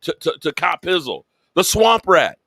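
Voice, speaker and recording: A man's voice: on the high side, sing-song, normal speed, vocal fry, fairly bright tone, no room sound. A man in his fifties, a guest on a casual stream, cursing and blustering and stammering through restarts. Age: 50s.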